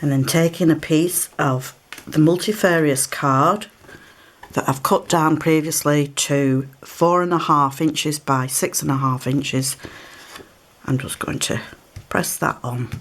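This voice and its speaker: A woman presenting a craft tutorial speaks in a deep voice and takes it slowly, chatting casually and explaining as she works through each step at her table. She has a slight cold with occasional coughs. Slight background noise is present, and an overhead camera frames her hands.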